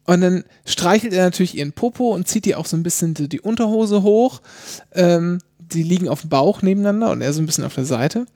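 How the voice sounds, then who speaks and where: Male co-host, high voice, dry close sound, retells scenes with mock-voiced quotes. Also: brisk, dry recording. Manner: animated storyteller, quotes people in lowered mock voices. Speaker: podcast co-host. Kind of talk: casual chat, retelling reality TV scenes.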